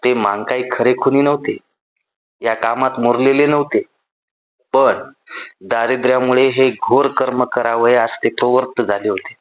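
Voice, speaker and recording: A man narrating a classic story in a measured, reflective reading style. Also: mid-range voice, steady tone, low-quality recording. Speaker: audiobook narrator.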